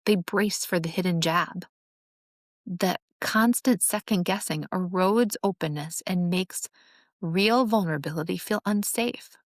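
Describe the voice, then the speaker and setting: A woman's voice: lowish voice, unhurried, no room sound, clean studio sound. A woman hosting a show, giving an earnest, instructive talk on relationships. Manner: earnest, instructive, acts out sarcastic examples. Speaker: host. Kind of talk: teaching monologue on relationships.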